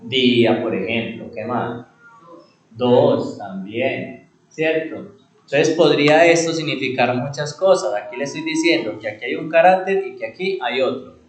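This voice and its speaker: Man teaching in an echoey classroom. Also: medium pitch. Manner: asks rhetorical questions and answers them himself; repeats key words, stretches words slowly for emphasis. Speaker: computer class instructor. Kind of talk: classroom teaching with questions to students.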